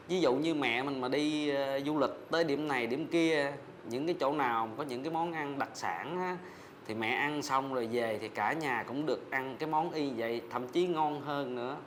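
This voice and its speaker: A man with a middle-pitched voice speaks haltingly as a guest on a talk show. He pauses again and again on fillers. A faint room hum sits behind him. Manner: hesitant, halting with many fillers. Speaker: son and husband guest. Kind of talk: casual talk show chat.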